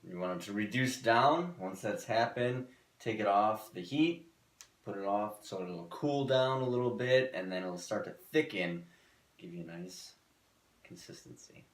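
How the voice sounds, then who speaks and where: Low-voiced man hosting a cooking show. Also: a little slow. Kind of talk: casual cooking demo chat. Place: kitchen studio. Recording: echoey kitchen room.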